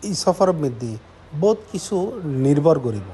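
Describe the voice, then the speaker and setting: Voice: mid-range voice, big pitch swings, normal speed, warm tone. A speaker with a Chittagonian Bengali accent talking casually, with faint noise behind.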